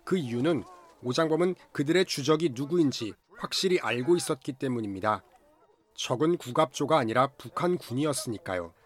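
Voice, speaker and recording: A man's voice: medium pitch, expressive, fairly quick. A man delivering scripted film recap narration in a formal storytelling manner.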